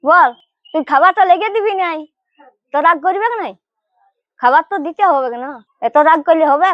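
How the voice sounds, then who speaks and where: A woman's voice: very high voice, expressive, moderate pace, no echo, lo-fi sound. A woman playing a stern old village in-law. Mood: scolding. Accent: Purulia Bengali. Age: older. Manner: lecturing, stern. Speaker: actor in a village drama.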